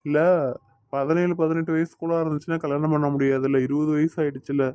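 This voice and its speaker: A man's voice: fairly high pitch, flat delivery, fast talker, mellow, dry recording, lightly acted. A man voicing a teasing but doting young man in a cartoon, speaking with a Tirunelveli Tamil accent. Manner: teasing, coaxing, playfully scolding. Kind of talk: cartoon voice acting.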